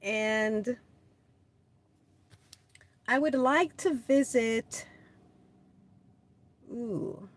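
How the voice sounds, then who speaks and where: With a slightly high voice, she speaks extremely slowly and leaves long pauses. The woman, originally from Jamaica, is hosting a casual livestream from her California home, answering comments and laughing a lot.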